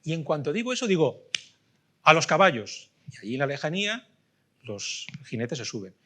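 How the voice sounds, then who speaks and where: A middle-aged man preaching a sermon, telling a story with loud bursts and soft asides. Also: on the high side, very animated, a little fast.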